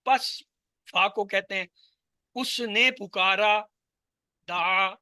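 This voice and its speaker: A high-pitched man teaches an online class, drilling tables and repeating answers with patience. His tone is very bright, and the sound is dry and close on a video call. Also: no echo. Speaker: Arabic teacher.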